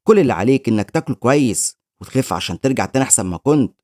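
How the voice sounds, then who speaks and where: A man's voice: mid-range voice, animated, very fast, a little mellow, dry recording, clean studio sound, close to an everyday voice. A man voicing a bullied teenage boy mage, earnest and pleading, with an Egyptian Arabic accent.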